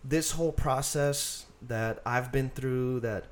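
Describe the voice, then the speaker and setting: A man talking in an earnest, animated, casual way about faith on a podcast. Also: mid-range voice, slow pace. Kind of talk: casual conversation.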